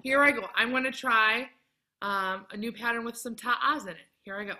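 A woman, around her thirties, leads a children's music lesson in an animated, encouraging, sing-song kindergarten teacher voice, recorded in a classroom on a computer mic. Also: a little high, moderate pace, background noise. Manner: animated, exaggerated clear delivery for children. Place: empty classroom. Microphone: computer mic at arm's length, video call.

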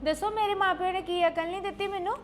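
A woman playing a quarrelsome, sharp-tongued young wife in a family drama. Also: very high-pitched, fairly even intonation, a little hiss or hum. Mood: indignant. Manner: fast, sharp and retorting.

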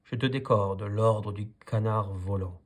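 A man voicing a stern, sturdy old male duck who leads the flock, in a calmly read storybook. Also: on the low side, unhurried. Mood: commanding. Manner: commanding, gruff.

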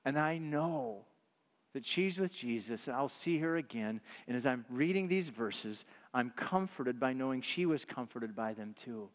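A middle-aged male pastor preaching a sermon with emphasis, who drops to a hush when he retells tender moments. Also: medium pitch, animated, a little slow, in a large hall, muffled recording. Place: church sanctuary.

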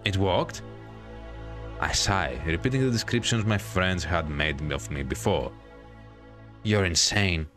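Over background music, a low-voiced man hosting a gaming video reads a visual novel aloud, stretching lines out in dramatic storytelling fashion and adding casual commentary.

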